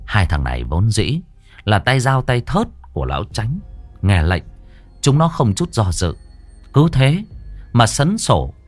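A male storyteller narrating a ghost story in an expressive, unhurried way. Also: on the low side, no room sound, soft background music.

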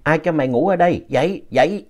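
A man putting on a scolding ghost woman, raised pitch, bossy, storybook. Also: fast talker, darkish tone, close to an everyday voice. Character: stern female ghost ordering a sleeper away.

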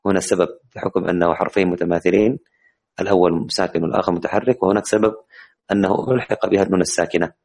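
A man teaching the rules of Quran recitation in an online class, explaining with many hesitant, drawn-out fillers. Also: low voice, fairly even intonation, a little mellow.

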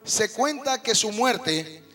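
A man's voice: sits high, expressive, takes it slowly, bright, forceful tone, faint music behind. A man with a Mexican accent preaching a sermon in a folksy, conversational way, often calling his listeners brother.

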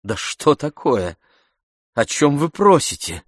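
A man reading the part of a proud, quick-tempered young woman in a storybook, speaking raised and emphatic. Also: medium pitch, breathy edge, dry recording, studio quality. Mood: vexed.

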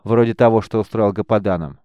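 A man doing an arrogant veteran warrior in an audiobook, taunting and swaggering with every line. The reading is smooth and dry, close to the mic. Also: on the low side, a little fast, dry recording, dull audio, natural voice. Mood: sly. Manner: mocking, swaggering. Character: mocking, arrogant veteran male warrior captain. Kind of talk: audiobook character voice.

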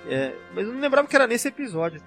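A Brazilian-accented man on a podcast panel explains things in an excited, rambling way during a casual fan discussion. His voice is extremely high with big pitch swings, racing and a bit bright, and faint music plays in the background.

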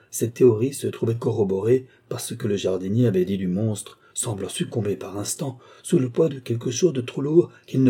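A man reading a period detective story aloud in measured, even narration. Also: lowish voice, breathy edge. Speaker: audiobook narrator.

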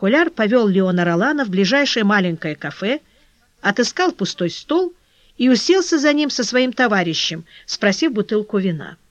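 Lively audiobook narrator, dull dry sound. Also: medium pitch, moderate pace, dry recording. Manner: expressive storytelling. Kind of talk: audiobook narration of a classic novel.

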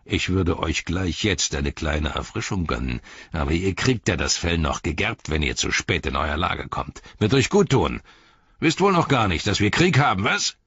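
A man's voice: rumbling low, lively intonation, moderate pace, gravelly, a bit bright, husky, dry recording, dull audio, heavily acted. A man voicing a brutal male orc slave driver who barks orders and sneers, in an audiobook. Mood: mocking. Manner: barking, sneering. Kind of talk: audiobook character voice.

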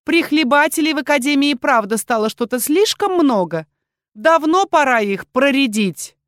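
A woman's voice: high-pitched, expressive, moderate pace, fairly bright tone, no echo, voice pushed up. A spiteful young werewolf girl sneers and snarls her contempt, as a woman narrator puts her on. Her mocking voice sits dry and close. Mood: sneering.

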